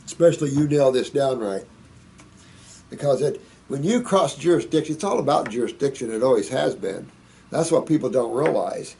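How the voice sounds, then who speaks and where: Reading out viewer questions on his Q&A show, this man answers with rambling, folksy, preachy advice in a casual monologue. His voice is medium in pitch, creaky and dark in tone.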